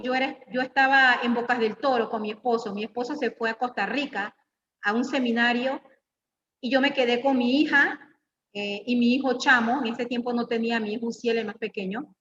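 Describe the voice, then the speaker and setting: A woman's voice: a little high, fairly quick, a little hiss or hum. A middle-aged woman, a guest speaker at a church women's meeting, preaching informally with personal stories, teasing and questioning her listeners. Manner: lively, teasing, questions the audience directly. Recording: echoey church hall, dull lo-fi sound.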